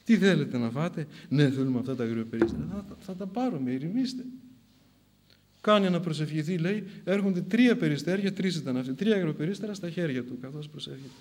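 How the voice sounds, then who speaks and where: A man preaching a sermon, telling a saint's story with swings between loud outbursts and hushed asides. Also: a little high, hardly any pauses, slight background noise.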